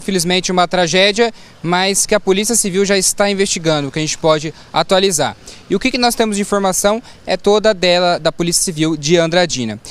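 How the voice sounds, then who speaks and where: A man with a Brazilian Portuguese accent giving a live news report, brisk and matter-of-fact with occasional stumbles. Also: sits high, fairly bright tone, clean tone. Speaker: field reporter.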